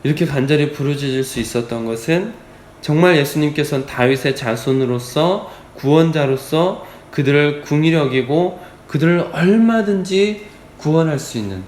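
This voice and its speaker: A pastor preaching an emphatic, repetitive sermon at a dawn prayer service in a church. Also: male voice, a little high, lively intonation, moderate pace, darkish tone, a little hiss or hum. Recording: echoey church hall.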